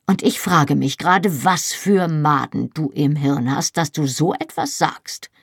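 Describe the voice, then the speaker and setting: Woman voicing a sharp-tongued fierce sister. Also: low-pitched, a little slow, slightly rough, dry recording, clean studio sound, heavily acted.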